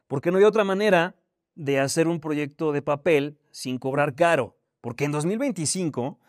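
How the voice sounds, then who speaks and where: A man in his thirties from Mexico with a Mexican accent, giving a casual, animated talk to university students and telling his story with plenty of slang. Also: fairly high pitch, dry recording, clean studio sound. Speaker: guest speaker.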